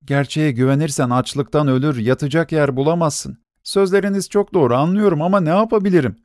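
A man's voice: on the high side, a little fast, a little mellow, no echo, studio quality, voice pushed up, close to an everyday voice. A man voicing a young drunken beggar who pleads and stammers. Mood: confessing.

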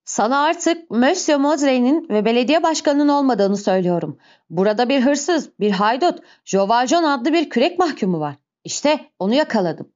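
A woman's voice: medium pitch, normal speed, a little mellow, dull audio, natural voice. A woman voicing a harsh, merciless middle-aged male police inspector who barks and mocks with open contempt. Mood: contemptuous. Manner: barking, contemptuous.

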